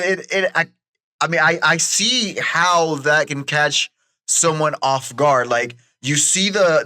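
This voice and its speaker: A man hosting a podcast alone, giving casual fight recap commentary in a halting, conversational way that repeats words. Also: fairly high pitch, bright, forceful tone. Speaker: podcast host.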